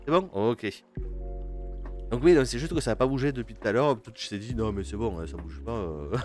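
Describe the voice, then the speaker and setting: A man's voice: mid-range voice, lively intonation, fairly quick, a little mellow, soft background music. A man streaming a game live, hesitant and full of fillers, chatting with his viewers and reading game text aloud. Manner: hesitant, many fillers and restarts, chats with viewers.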